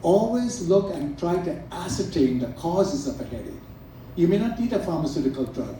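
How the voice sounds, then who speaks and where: A middle-aged man from Trinidad and Tobago talks to a live audience as a naturopath, earnest and emphatic as he lists item after item. His voice is dark but sits a little high. It comes from a distance in a very echoey room with faint noise underneath. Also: big pitch swings, normal speed. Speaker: naturopath speaking at a product event. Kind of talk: promotional speech to a live audience.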